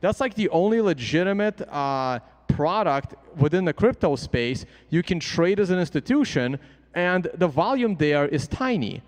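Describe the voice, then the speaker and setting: A man's voice: a little high, expressive, normal speed. A man speaking as a crypto trader on a conference panel, blunt and opinionated. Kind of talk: panel discussion. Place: conference stage. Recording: reverberant conference hall.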